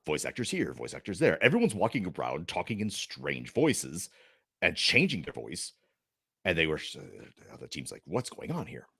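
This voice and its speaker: A man's voice: low voice, huge pitch swings, moderate pace, creaky, a bit bright, breathy edge. A man co-hosting a podcast in casual chat, with jokey banter. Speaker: podcast co-host.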